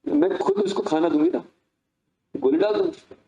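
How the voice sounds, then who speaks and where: Man doing a fretful young daughter-in-law, high voice. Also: normal speed, warm tone, dull audio, lightly acted. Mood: fed up. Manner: high and pleading. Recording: echoey room.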